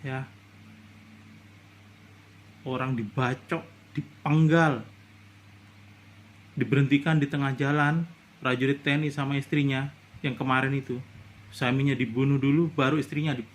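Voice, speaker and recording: A man's voice: medium pitch, fairly even intonation, measured pace, pauses often. A middle-aged man from Indonesia giving a casual commentary monologue, indignant and lecturing, his voice rising into outbursts. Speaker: vlogger.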